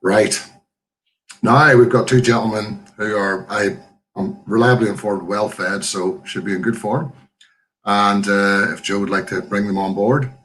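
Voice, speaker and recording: A man's voice: lowish voice, steady tone, unhurried, a bit bright, rough recording. A man hosting a casual live interview in an effusive, encouraging way. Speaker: host.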